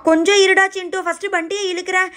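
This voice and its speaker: A woman's voice: very high voice, level tone, quick pace, fairly bright tone. A woman voicing a flustered mother fretting over her trapped boys in a doll video. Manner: fretful, exclaiming.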